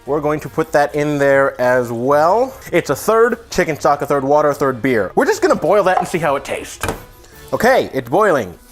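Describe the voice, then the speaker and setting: A man with a fairly high voice hosts a casual cooking demonstration over faint music. He rambles as he goes, dropping offhand, self-deprecating asides. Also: big pitch swings, moderate pace. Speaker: host of a comedy cooking video.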